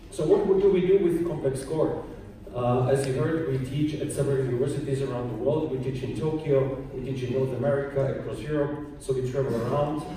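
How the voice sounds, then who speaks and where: A middle-aged man presents at a conference in a plain, explanatory way, pausing often on um and uh. His voice is mellow and rather dark. It is recorded from far off in a large hall with heavy echo. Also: medium pitch, slight background noise. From Austria. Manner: plain, explanatory, with frequent um and uh pauses. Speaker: conference speaker. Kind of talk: presentation talk.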